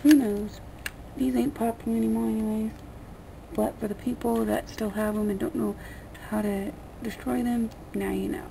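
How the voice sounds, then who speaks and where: Speaking at a normal speed with a fairly high, steady voice and vocal fry, a woman vlogs an unscripted how-to. She rambles, colloquial and mildly crude, at a table in a small, dim room. The homemade recording is noisy, taken by a camera mic pointed at her hands.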